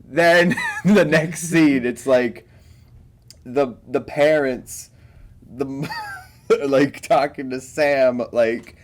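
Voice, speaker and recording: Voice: medium pitch, extremely slow. A podcast co-host in casual chat about a movie, laughing often and acting out quotes.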